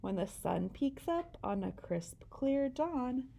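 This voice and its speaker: A woman reading a children's picture book aloud, slow and very expressive, dropping to a whisper for the refrain. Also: high-pitched, gravelly, slight background noise. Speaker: storybook reader. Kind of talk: children's story read-aloud.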